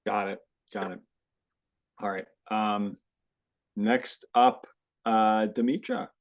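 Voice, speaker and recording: A man's voice: on the low side, steady tone, slow, gravelly. A man moderating an online academic panel, casually putting questions to the speakers. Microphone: video call.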